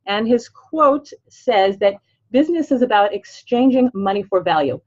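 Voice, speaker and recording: On a muffled recording, a woman with a mid-range, slightly mellow voice speaks with lively intonation at normal speed. She's an older American financial planner who grew up in Los Angeles, running a webinar in a chatty, upbeat style full of everyday fillers.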